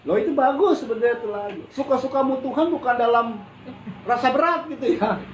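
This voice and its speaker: A man's voice: very high-pitched, lively intonation, a little fast, highs cut off. A man pastor preaching a sermon in a conversational, colloquial way, often calling out to his listeners and breaking in with exclamations. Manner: colloquial, with frequent exclamations and repetition. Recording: echoey hall with faint ambient noise.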